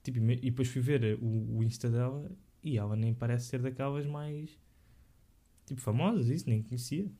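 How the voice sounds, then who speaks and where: A man's voice: medium pitch, normal speed, mellow. A young man with a European Portuguese accent, chatting casually in slang with many fillers and restarts. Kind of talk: casual podcast chat.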